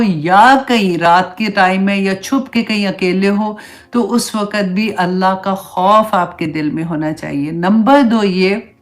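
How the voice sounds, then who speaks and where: A middle-aged woman, teaching a religious class in a conversational way, slipping English phrases into her talk and laying out numbered points for her students. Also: mid-range voice. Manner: gives numbered points, speaks directly to students. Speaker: Islamic teacher.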